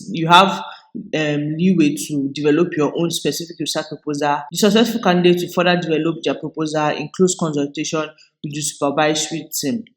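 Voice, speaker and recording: A Nigerian man hosts a screen-recorded tutorial, explaining each step in a relaxed way while often restarting his sentences. He speaks Nigerian English in a voice on the high side.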